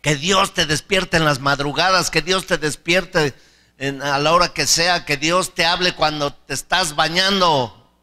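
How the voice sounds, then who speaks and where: A man's voice: on the high side, a little slow, sharp tone, long reverb tail. A male pastor preaching a sermon with fervor. He repeats key phrases and leads the congregation in prayer.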